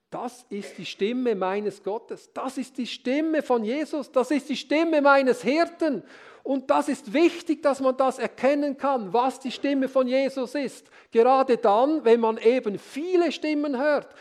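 A man with a notably high voice delivers a sermon in a calm, earnest way. He speaks as a preacher and keeps drawing his listeners in with brief rhetorical questions.

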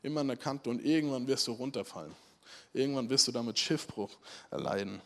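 A man's voice: mid-range voice, lively intonation, a little fast, gravelly. A man preaching a conversational sermon, asking rhetorical questions and often checking in with his listeners. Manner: rhetorical questions, frequent "right?" check-ins.

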